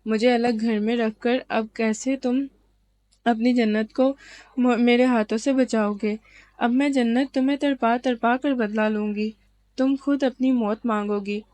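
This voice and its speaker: A woman's voice: a little high, steady tone, darkish tone, lightly acted. A woman reading a gloating jealous villainess. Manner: gloating, vengeful, cackling.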